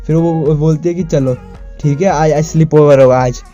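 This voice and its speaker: A man's voice: on the high side, fairly even intonation, moderate pace, dark tone, soft background music. A man casually retelling an anime episode, stringing events together in a rambling way with frequent restarts. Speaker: anime recap narrator. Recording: dull lo-fi recording.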